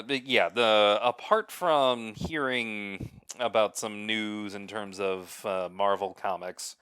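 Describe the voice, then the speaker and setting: A man co-hosting a casual podcast, talking slowly with many fillers and wry complaints. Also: lowish voice, a bit bright, smooth, no room sound, clean studio sound. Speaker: podcast co-host.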